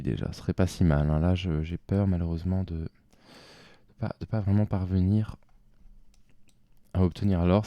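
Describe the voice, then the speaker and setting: A deep-voiced man talks his way through a geography game, thinking aloud and coaching himself. His tone is dark and mellow, recorded close and dry with no room sound. Now and then he mutters and lets his sentences trail off. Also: no room sound. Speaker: game commentator. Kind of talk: live game commentary.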